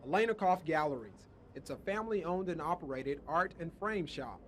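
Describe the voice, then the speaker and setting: A man's voice: on the high side, animated, moderate pace, fairly bright tone, a little hiss or hum. A man narrating a scripted television news story as a reporter. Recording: faint background ambience.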